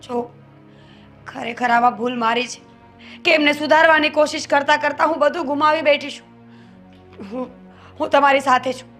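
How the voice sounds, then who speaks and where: A woman's voice: sits high, fairly even intonation, normal speed, pauses often, fairly bright tone, soft background music. An actress playing a loyal young wife who earnestly pleads with her husband and family in a family film drama. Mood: anxious, earnest.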